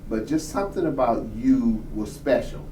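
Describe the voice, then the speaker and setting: A man's voice: medium pitch, animated, normal speed, mellow, echoey room, far from the mic, slight background noise, poor audio. A man in his fifties, a reverend, interviewing a younger guest in a probing way and repeating his questions. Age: 50s. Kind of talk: conversational interview.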